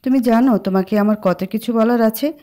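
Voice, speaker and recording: A woman's voice: fairly high pitch, brisk, dark tone, a little hiss or hum, natural voice. A woman voicing an eager young man in a spoken storybook, earnest and urgent.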